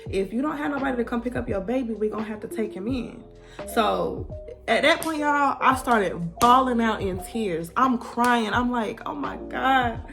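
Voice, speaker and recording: A young woman vlogger telling a personal story in a casual, animated way, often calling out to her viewers. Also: on the high side. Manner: animated, addresses viewers as y'all.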